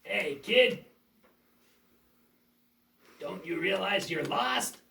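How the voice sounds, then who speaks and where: Performer doing a fearmongering cartoonish villain puppet, gloating, drawn-out taunts, animated pitch, children's show, echoey distant mic. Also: gravelly, a little hiss or hum, full character voice. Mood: taunting. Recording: roomy echo, distant mic.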